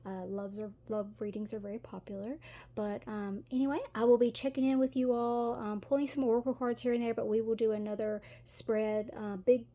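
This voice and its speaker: Her voice is on the high side with a dark tone, a slightly fast pace, and little pitch movement. She's a middle-aged tarot reader from Tennessee with a Southern accent, chatting casually to camera with lots of fillers and giggles.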